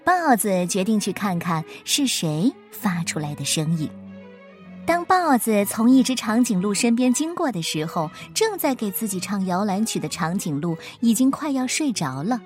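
A woman reading a children's picture book aloud in a playful, expressive way, her voice rising and falling with the story. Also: mid-range voice, normal speed, soft background music.

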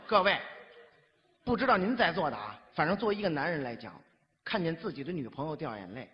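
Man, crosstalk comic, high voice, very expressive, echoing stage. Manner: lively, acts out every character in quick shifts. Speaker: lead comic in a crosstalk duo. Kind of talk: Chinese crosstalk storytelling. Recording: dull audio with long stage reverb.

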